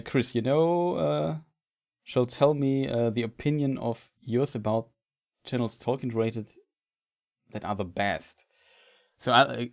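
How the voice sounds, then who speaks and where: Streamer, male, English, mid-pitched, rambling and chatty. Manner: rambling, halting restarts, chatty with viewers. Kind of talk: casual live-stream chat.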